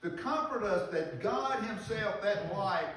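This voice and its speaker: An older man preaches from a pulpit, unhurried and earnest, pausing and restarting as he reads scripture. His voice sits a little high. He sounds far from the mic, and the church echoes heavily around him. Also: animated, fairly bright tone, a little hiss or hum. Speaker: pastor. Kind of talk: sermon with scripture reading. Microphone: far camera in the pews.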